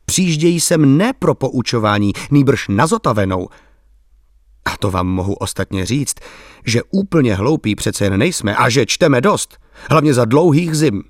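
A man's voice: medium pitch, animated, dry recording, clean studio sound, close to an everyday voice. A man voicing a bitter, ironic, middle-aged village intellectual who speaks politely but with an edge.

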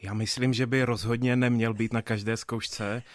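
A man's voice: medium pitch, level tone, no room sound, studio quality. A young man, a theatre dramaturg answering interview questions thoughtfully, with many fillers and restarts. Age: 20s.

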